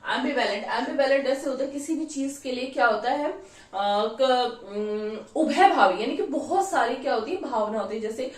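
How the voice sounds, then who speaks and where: A woman's voice: high-pitched, moderate pace, recorded from a distance. A woman with an Indian accent teaching exam vocabulary in a casual class, often asking a question and then answering it herself. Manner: repeats "thik hai", asks and answers her own questions. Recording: echoey room, voice from off the mic.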